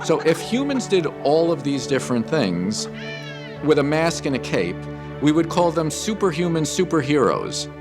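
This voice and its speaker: A man's voice: a little high, very animated, normal speed, over music. A man giving reflective commentary in a documentary interview.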